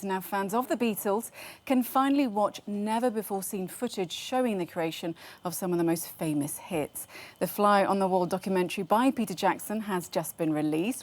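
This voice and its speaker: A woman anchoring a live news programme. She talks in a brisk, conversational way, and her pitch sits in the middle of the usual range. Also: darkish tone.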